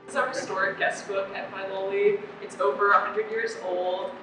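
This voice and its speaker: A guide calmly explaining a historic guest book on a tour. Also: medium pitch, normal speed. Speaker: garden guide. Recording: roomy echo, distant mic, music under.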